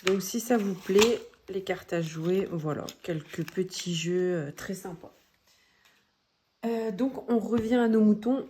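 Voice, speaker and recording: A woman casually showing her new card decks, talking in a gentle, hesitant way with many pauses and fillers. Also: medium pitch, noisy background. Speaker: tarot deck vlogger. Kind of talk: casual show-and-tell.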